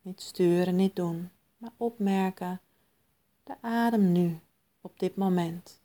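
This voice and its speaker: A woman guiding a mindfulness meditation in a soft, calm, soothing manner with long pauses. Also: on the low side. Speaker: meditation guide.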